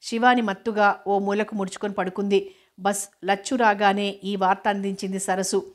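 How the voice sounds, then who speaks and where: Woman audiobook narrator, mid pitch, flat even delivery, steady novel reading. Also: normal speed.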